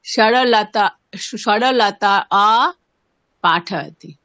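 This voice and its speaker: A woman's voice: medium pitch, extremely slow, fairly bright tone, no room sound, highs cut off. A woman student answering in a lesson, hesitantly sounding out words. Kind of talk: answering in class.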